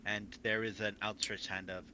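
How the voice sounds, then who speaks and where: A man narrating a tabletop game as game master, improvising his descriptions in a halting way. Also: lowish voice, flat delivery, bright, forceful tone. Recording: noisy home microphone.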